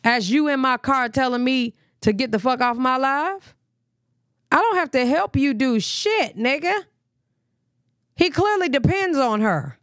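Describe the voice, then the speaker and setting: A woman's voice: high voice, expressive, unhurried, fairly bright tone, no room sound, clean studio sound. A woman hosting a live reaction stream in blunt, profane casual talk. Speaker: livestream host.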